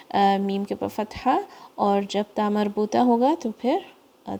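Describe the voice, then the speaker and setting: A woman teaching Quran recitation, explaining pronunciation rules in with English words mixed in and slowly repeating each word to demonstrate. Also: medium pitch, gravelly, mellow. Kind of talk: tajweed lesson, explaining then reciting slowly.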